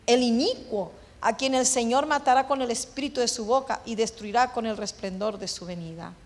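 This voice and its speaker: High-voiced woman preaching in an echoing hall. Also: moderate pace. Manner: asks the congregation questions and answers them herself; swings from low hushed phrases to raised emphatic ones. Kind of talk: sermon.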